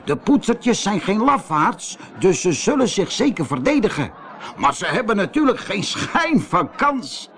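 Man voicing a storybook villain, bellowing, gloating, high-pitched, very lively. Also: a little slow, slight background noise, exaggerated voice. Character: loud bullying leader of grease-goblins.

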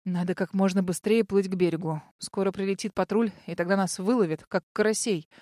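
A woman's voice: medium pitch, fairly even intonation, brisk, warm tone, no room sound, studio quality, natural voice. A woman voicing a blunt, bossy young male thief in an audiobook, urging his companion on. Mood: urgent. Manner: urgent, pushy commands.

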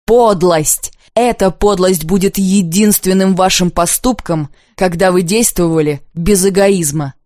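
A woman reading the lines of a proud, bitter unmarried woman in an audiobook, intense and accusing, often slow and heavy. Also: lowish voice, a little mellow, no room sound, studio quality, lightly acted. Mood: scornful.

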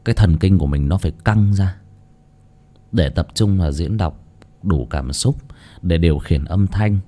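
A man's voice: deep voice, normal speed, mellow. A man narrating a dramatic audiobook, theatrical in the story and candid and chatty when he talks to listeners afterward.

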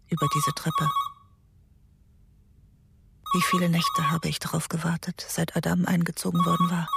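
A middle-aged mother braced for terrible news, her voice deep and low. She talks in a hushed, half-whispered, tense manner, with loud music swelling underneath in this radio drama. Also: creaky. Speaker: lead character and inner narrator. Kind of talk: German radio drama acting.

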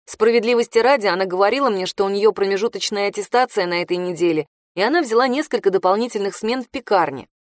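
A woman's voice: mid-range voice, fast talker, hardly any pauses, no echo, clean studio sound. Wry woman narrating a novel. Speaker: audiobook narrator. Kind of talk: first-person novel narration.

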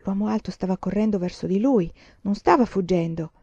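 A woman reading a novel aloud as an audiobook narrator, in a measured storytelling manner, on a dull lo-fi recording. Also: mid-range voice, mellow, husky, dry recording. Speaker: audiobook reader.

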